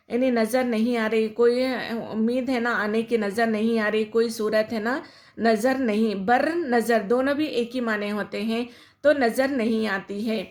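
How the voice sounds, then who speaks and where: Woman teacher, a bit high-pitched, explains poetry to her class, keeps asking and answering her own questions. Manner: repeats questions and answers them herself, mixes in English words. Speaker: school Urdu teacher.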